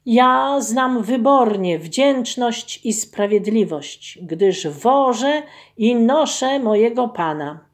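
A woman voicing a patient, mistreated male workhorse in a folk tale, speaking slowly and wearily. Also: on the high side, lively intonation, voice pushed up. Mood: weary.

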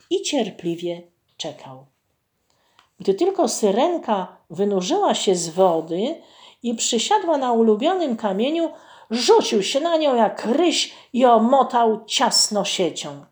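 A woman reading a legend aloud to children in a slow, expressive storytelling voice. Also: medium pitch.

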